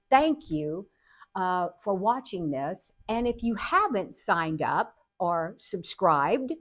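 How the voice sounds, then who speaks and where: A woman vlogging, telling family stories to camera in a chatty, earnest way and laughing often. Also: mid-range voice. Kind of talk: casual storytelling to camera.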